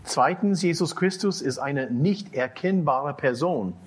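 A man with a husky, slightly high voice interprets a lecture phrase by phrase. He is halting, restarts words, and repeats key points to make sure they land. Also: animated. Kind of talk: consecutive interpreting.

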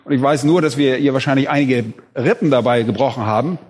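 A man's voice: mid-range voice, quick pace. A man preaching a sermon in an emphatic way, rising on key words. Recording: reverberant hall.

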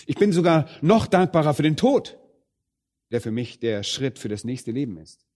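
A man delivering a sermon straight to his congregation, his voice rising and falling sharply. He hammers some words loud and slows down, then sinks into quiet, low phrases. His pace shifts often within a single thought. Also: very animated. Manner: emphatic, swings between loud stresses and quiet low phrases; addresses the congregation directly. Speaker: preacher.

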